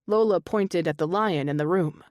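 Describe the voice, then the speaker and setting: Audiobook narrator: woman, lowish voice, dead-dry booth sound, romance read. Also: moderate pace, a little mellow, no room sound. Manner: reads every character herself, small voice shifts.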